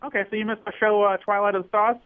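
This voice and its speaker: A man's voice: high voice, little pitch movement, very fast, no echo, phone-quality sound, lightly acted. A man voicing a shameless male TV network executive who talks blithely and unapologetically, with frequent uhs. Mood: breezy. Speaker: comedy podcast guest character.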